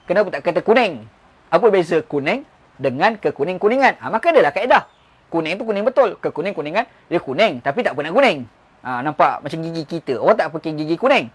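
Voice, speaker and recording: A man with a Malaysian Malay accent teaching a religious lesson. His voice sits high and he talks quickly, pressing points with stories and rhetorical questions. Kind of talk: religious lecture.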